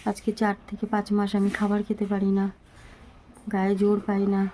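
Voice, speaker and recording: A middle-aged woman who is unwell talks slowly and with effort to her channel's viewers from her home, speaking softly and from the heart. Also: medium pitch, monotone, a little hiss or hum, poor audio. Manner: slow, soft-spoken and heartfelt. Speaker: vlogger. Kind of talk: casual talk to camera. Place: small room at home.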